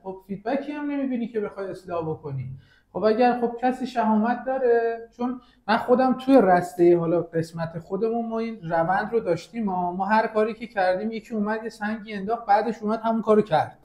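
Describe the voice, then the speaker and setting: A man's voice: sits high, darkish tone, roomy sound. A man, a podcast host, making a reasoned, persuasive case with rhetorical questions. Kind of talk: conversational argument.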